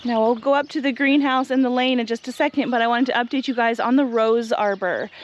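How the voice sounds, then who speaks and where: A young woman with a slightly high voice gives a relaxed, upbeat tour of her garden and greenhouse. She chats and explains as she moves around outdoors, and the sound comes from a handheld camera mic. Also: brisk, slight background noise. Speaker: homestead vlogger giving a garden tour. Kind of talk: casual walking tour narration.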